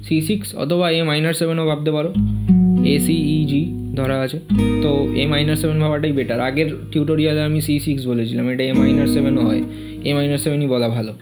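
A man's voice: a little high, fairly even intonation, fairly quick. A man teaching a fingerstyle guitar lesson, counting beats, naming notes and singing bits of the tune. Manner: counts beats and names notes, sings snatches of the melody. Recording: loud guitar playing along.

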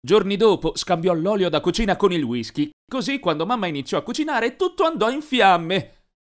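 A man narrating an animated teen story in a lively, mischievous storytelling voice. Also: sits high, fairly quick.

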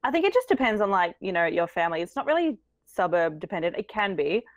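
A woman with a cultured Australian accent, speaking in a fairly low voice while she fights off a cold. She chats warmly and laughs easily as a podcast guest, recorded dry and close. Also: big pitch swings, fast, no room sound. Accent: Australian, cultured end. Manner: laughs often, friendly and chatty. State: has a cold, coughing. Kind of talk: casual chat.

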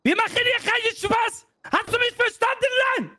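A man puts on a bumbling police detective who mangles his German and drops Turkish interjections. The voice sits very high and swoops about a lot. It is recorded close and dry. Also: sing-song, fast talker, fairly bright tone, no room sound, heavily acted. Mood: stern. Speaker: roleplay player. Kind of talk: casual role-play.

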